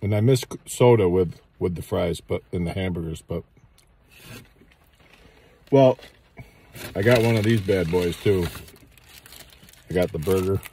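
A man in his sixties reviewing fast food in a rambling, jokey, self-mocking way, filming himself on a handheld camera. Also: low-pitched, dark tone, a little hiss or hum. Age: 60s. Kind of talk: casual food review vlog.

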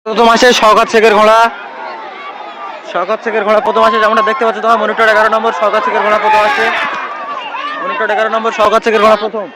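High-pitched, fast-talking male race caller. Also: completely flat delivery. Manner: repeats phrases, addresses viewers as friends. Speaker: race commentator and vlogger. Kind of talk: race caller style live commentary. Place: outdoors at a crowded village racing field. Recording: noisy outdoor field with loud crowd.

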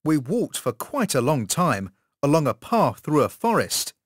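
A man reads a textbook story aloud in scripted narration, slowly and with care. His intonation rises and falls in a lively way. The recording is dry and close, with no room sound. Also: a little high, no echo. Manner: slow, careful reading with lively intonation. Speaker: English course narrator.

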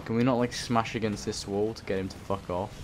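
Here a man with a fairly low, steady, brisk voice narrates his gameplay in a let's play, cursing and rambling as he mutters to himself. Game sounds play over his speech.

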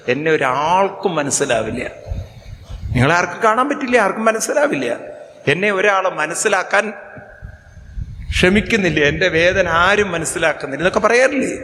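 A man's voice: on the high side, gravelly, sharp tone, a little hiss or hum. A male spiritual teacher giving a religious discourse to an audience, telling a story with sudden raised dramatic outbursts and rhetorical questions. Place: hall with audience. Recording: long hall reverb, faint ambience.

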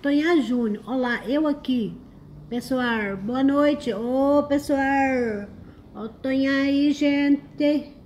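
Brazilian woman, livestream host, warm mellow tone, chatty and teasing. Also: sits high, drawn-out words, lo-fi sound, slight background noise. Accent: Brazilian Portuguese. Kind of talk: casual live chat, reading comments.

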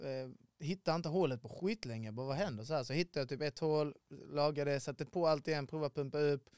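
A man's voice: on the high side, clean tone, no echo, clean studio sound. A Swedish man in his twenties, a podcast guest telling a travel story in casual chat and acting out the voices of the people he met. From Sweden. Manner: animated storyteller, acts out quoted voices.

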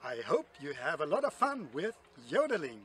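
A man's voice: fairly high pitch, wildly swooping pitch, normal speed, a bit bright. A man from Austria in his forties, speaking English with an Austrian German accent, explaining yodeling to children in a cheerful, plain way outdoors at a forest edge. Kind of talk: friendly explanation with yodel demos.

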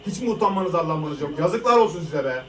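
A young man giving live reaction commentary on a match, frustrated and swearing as he shouts at the players. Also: a little high, animated, quick pace. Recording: echoey room, mic at a distance.

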